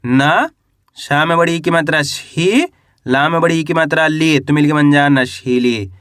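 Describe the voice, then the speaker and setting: A man teaching reading and writing, slowly sounding out syllables and asking his listeners questions. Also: fairly high pitch, fairly bright tone, clear, resonant tone, no echo, studio quality. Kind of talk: Hindi reading and writing lesson.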